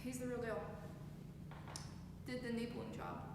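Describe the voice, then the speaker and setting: A woman's voice: on the high side, wildly swooping pitch, moderate pace, very noisy. Woman as echoing, hard-boiled noir informant. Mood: terse, impressed. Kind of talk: film noir style dramatic dialogue. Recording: very echoey hall, loud music over voice.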